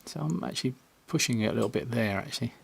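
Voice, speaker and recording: A man's voice: medium pitch, quick pace, creaky, slightly rough, dry recording. A man chatting casually on a live stream as he paints a pinball cabinet, self-mocking and sometimes dropping to a near-whisper while he concentrates. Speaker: maker streaming a pinball build. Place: home workshop. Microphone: separate desk mic, not on camera.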